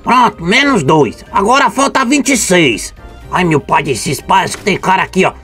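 Guy streaming a shooter, super animated, goes "tuf tuf" with every shot, game music behind. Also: high voice, moderate pace. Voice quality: lively, exclaiming, calls shots with sound effects. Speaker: gaming streamer. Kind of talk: excited gameplay commentary.

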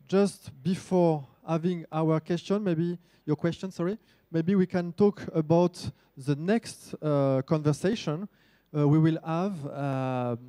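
A man's voice: a little high, dark tone, no room sound. Polite French-accented male moderator. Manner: polite, repeats words while hosting. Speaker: talk moderator. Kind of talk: moderating a live talk.

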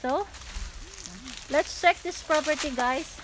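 Filipino accent, woman in her forties, rather high voice, chatty, a little sweaty, outdoors, phone at arm's length. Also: slow, background noise. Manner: chatty, fillers like "so" and "guys". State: sweaty from walking. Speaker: real estate vlogger. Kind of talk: casual walking tour vlog. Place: outdoors on rural lanes and overgrown land. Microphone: phone camera at arm's length.

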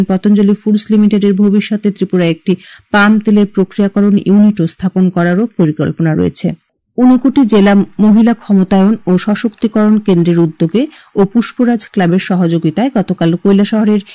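High-voiced man reading radio news. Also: no room sound, dull audio. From India. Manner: steady, measured formal delivery. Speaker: radio newsreader. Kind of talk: formal news bulletin reading. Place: radio studio. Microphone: studio microphone.

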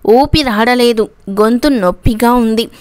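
Woman storyteller, steady dramatic reading, smooth clear voice, fairly high. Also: unhurried. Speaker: narrator. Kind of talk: storytelling narration.

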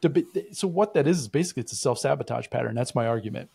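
A man's voice: mid-range voice, animated, rapid-fire, gravelly, dark tone, slightly rough, dry recording, studio quality. A man co-hosting a podcast, asking his co-host probing, leading questions in a casual conversational way with frequent restarts.

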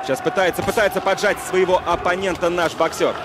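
A man's voice: sits high, fairly even intonation, fairly quick. A man giving live sports commentary on boxing. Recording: crowd noise behind commentary mic. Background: arena crowd.

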